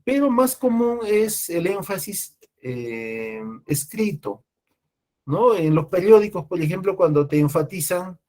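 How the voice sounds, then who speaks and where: A man giving a classroom lecture in a slightly high voice. He talks through his points patiently, often pausing to check that the class is following, and he restarts words as he goes. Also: warm tone. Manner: explains with frequent "¿no?" and "¿ya?" checks, restarts. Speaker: teacher.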